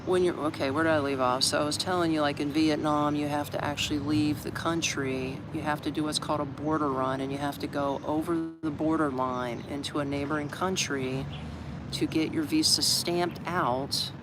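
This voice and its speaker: Broadcasting live from an open shed in an Orlando city park, this older Florida vlogger chats casually, wanders between topics and reads out viewer comments. His voice is medium-pitched and steady at a normal pace, with street traffic audible outdoors.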